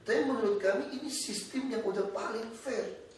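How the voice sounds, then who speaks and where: A man's voice: very high-pitched, moderate pace, a little hiss or hum. A man who is a government official talks bluntly and animatedly with parents in an informal meeting, often laughing between points. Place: indoor reception room. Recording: echoey room, distant mic.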